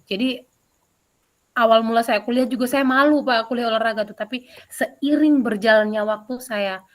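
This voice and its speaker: Animated woman teacher on a video call. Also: on the high side. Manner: animated storytelling with many fillers. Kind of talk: answering interview questions.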